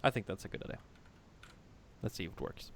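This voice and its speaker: A man's voice: quick pace, fairly bright tone, slight background noise. A man teaching a live coding lesson in a casual way, laughing and swearing freely. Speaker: programming teacher.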